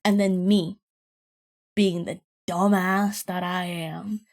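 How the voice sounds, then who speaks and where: A young woman with a deeper voice tells stories as a podcast guest, rambling casually with plenty of laughter and swearing. Her tone stays level and she speaks slowly.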